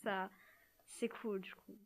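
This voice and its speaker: A woman's voice: mid-range voice, steady tone, slow. Shy hesitant teenage girl. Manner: shy, hesitant, short answers. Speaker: guest.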